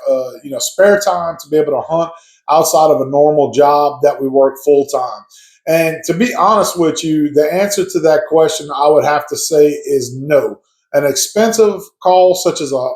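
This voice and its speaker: A man with a voice a little higher than most speaks in a roomy, echoing space. He gives casual advice straight to his viewers. His delivery is conversational and explanatory, like a hobbyist laying out an opinion. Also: darkish tone. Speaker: hobby duck hunter giving advice to viewers. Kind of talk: casual opinion talk to camera. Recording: echoey, roomy sound.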